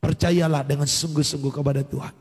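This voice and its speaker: A man preaching with a husky, slightly high voice that rings in a long hall reverb. He tells his story animatedly, acting out the dialogue and breaking into hallelujahs, like a pastor at a church service. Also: fairly even intonation, brisk, darkish tone. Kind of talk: sermon testimony at a morning prayer service.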